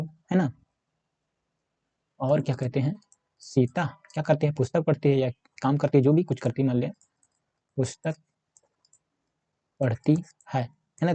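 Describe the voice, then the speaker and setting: A man with an Uttar Pradesh Hindi accent teaching a casual exam-prep grammar lesson. His voice is dark and husky, and he keeps checking in with "है ना?" as he writes on a board. The recording is close and dry, with no room sound. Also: mid-range voice, no echo. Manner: repetitive, keeps asking 'है ना'; talks while writing on a board.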